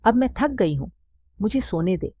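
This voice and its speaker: A woman voicing an affectionate, teasing middle-aged mother in a storybook reading, speaking in a soft, coaxing way. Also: mid-range voice, sing-song, moderate pace, breathy edge, no echo, pitched above the performer's own voice. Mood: tender. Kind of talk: scripted story narration.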